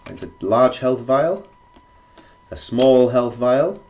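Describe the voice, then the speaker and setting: A man with a croaky, under-the-weather voice thinks aloud in casual play-by-play as he plays a board game alone. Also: mid-range voice, slow, a little mellow. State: feeling rough, under the weather. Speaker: solo board game player presenting a run-through. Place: indoors at a gaming table. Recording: clear background noise, clicks.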